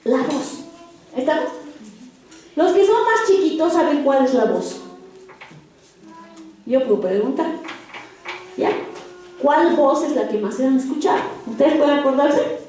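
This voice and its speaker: A woman with a very high voice teaches an interactive sermon and keeps checking in with her listeners through short questions. The recording comes from a very echoey hall, with the mic set well back from her. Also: very animated, unhurried, pauses often, darkish tone, far from the mic. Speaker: preacher teaching a congregation.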